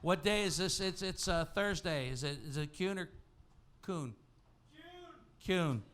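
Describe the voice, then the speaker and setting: A man's voice: on the high side, brisk, fairly bright tone, slight background noise. A man hosting a live comedy podcast on stage, playful and teasing as he hypes the audience. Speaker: podcast host.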